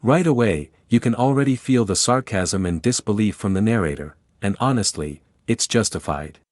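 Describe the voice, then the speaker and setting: A man's voice: fairly low pitch, lively intonation, moderate pace, darkish tone, no room sound, studio quality. A man reading scripted video commentary in a mocking, sarcastic manner. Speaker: narrator.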